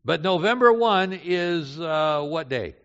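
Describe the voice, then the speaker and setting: Older male preacher, storytelling sermon, punchy emphasis then hushed asides; a touch high, echoing hall. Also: lively intonation, takes it slowly. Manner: storytelling, swings between loud emphasis and hushed low lines. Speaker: pastor. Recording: dull sound in a reverberant hall.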